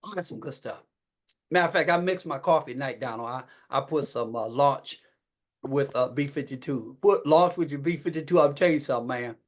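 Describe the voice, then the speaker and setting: A man on a company call giving a folksy, preachy motivational talk, repeating phrases and rising high and loud when fired up. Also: a little fast. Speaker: network marketing leader speaking on a company call.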